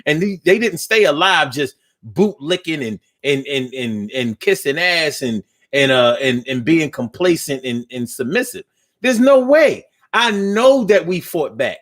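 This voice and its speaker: A man's voice: a little high, big pitch swings, measured pace, a bit bright. A man of fifty hosting a call-in talk show, speaking with passion and often repeating words as he builds his point. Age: 50s.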